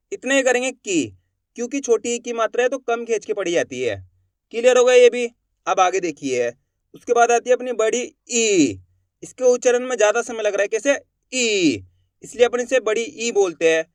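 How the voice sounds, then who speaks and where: A man teaching a Hindi alphabet lesson, asking the class questions and drawing out each sound slowly. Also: sits high, no room sound, studio quality.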